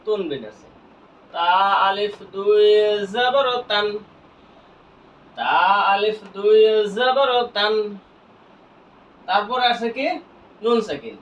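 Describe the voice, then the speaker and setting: A man teaching Quran reading, who asks each point as a question, answers it himself, and spells out letters slowly. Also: high voice, slight background noise. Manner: slow, drawn-out spelling of letters. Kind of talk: classroom lesson with call-and-response questions. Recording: echoey, distant, dull lo-fi room sound.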